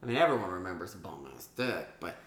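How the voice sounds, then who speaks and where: A man's voice: low voice, fast, reverberant. A man in his thirties, podcast co-host, telling bawdy stories with lots of laughter. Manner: bawdy, laughing, animated storytelling. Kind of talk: crude comedic banter.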